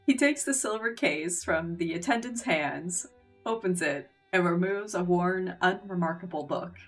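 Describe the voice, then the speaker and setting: A woman streamer reads a game's narration and dialogue aloud, dropping in casual joking remarks. Her voice sits a little low and sounds slightly distant from the mic. Faint game music plays behind her. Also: animated, a little slow, fairly bright tone. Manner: reads narration aloud, breaks into laughing asides. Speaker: streamer reading a game story. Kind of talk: game reading and reaction.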